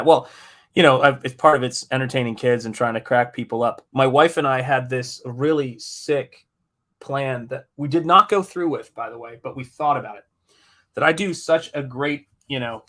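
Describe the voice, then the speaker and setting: A middle-aged man from the United States paints live on a stream and chats as he goes. His voice is medium-pitched and a bit bright. He rambles casually, poking fun at himself.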